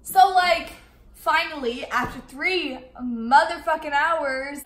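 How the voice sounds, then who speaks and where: A woman's voice: high voice, takes it slowly, a bit bright. A woman in her twenties, giggly, tipsy and blunt, swearing as she chats casually in a home kitchen. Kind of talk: casual chat while baking. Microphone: phone camera a little way off. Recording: echoey kitchen phone video.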